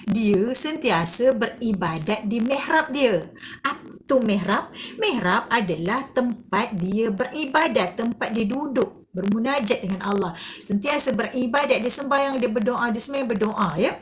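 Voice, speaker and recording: A woman in her fifties teaches a religious lesson to young pupils. Her voice sits a little high. She keeps asking questions and answering them herself, and she repeats her main points over and over. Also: animated, a little slow, slight background noise. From Malaysia. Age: 50s.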